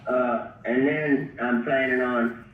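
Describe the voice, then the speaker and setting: A man, talking casually over a phone on speaker, halting with many pauses and restarts. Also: mid-range voice, fairly even intonation, far from the mic, soft background music. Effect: heard over a phone on speaker. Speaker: customer on a phone call. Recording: tinny speakerphone from across an echoey room.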